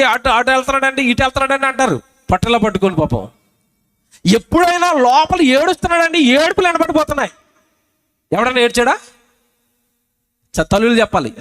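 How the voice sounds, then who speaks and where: A man preaching a sermon at a public meeting, reading scripture slowly and pressing the crowd with repeated questions. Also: high voice, fairly bright tone. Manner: emphatic, asks the crowd repeated rhetorical questions; reads scripture slowly and deliberately. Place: outdoor public gospel meeting.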